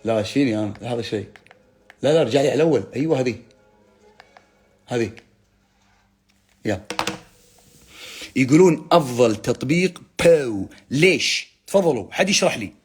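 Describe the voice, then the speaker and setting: A man's voice: medium pitch, lively intonation, a little fast, pauses often, soft background music. A young man hosting a casual phone livestream, chatty and teasing as he reads viewers' comments aloud in bursts. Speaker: livestream host. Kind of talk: casual live chat reading comments.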